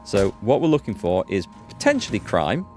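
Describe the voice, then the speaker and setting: He speaks at a moderate pace in a fairly low, darkish voice with big pitch swings, hosting a casual let's play. Explaining and thinking out loud as he plays, he's accompanied by music.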